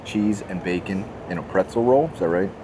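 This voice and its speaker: A man's voice: low-pitched, brisk. A man hosting a vlog, chatting casually as he tastes food and walks through a busy farmers market. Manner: chatty, relaxed, tasting and commenting on food. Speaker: vlog host. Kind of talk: casual walking tour chat. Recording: noisy market ambience.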